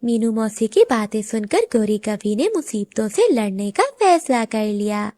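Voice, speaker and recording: A woman narrating a children's cartoon story in a measured storytelling manner. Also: on the high side, sing-song, mellow, no echo.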